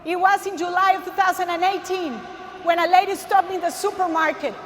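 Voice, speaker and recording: Brisk and steady in a very high voice, a woman with a Costa Rican Spanish accent, from Costa Rica, shares an emphatic testimony of faith and calls out to a large audience. She speaks from a large arena stage. The recording has slight background noise, long hall reverb and faint ambience.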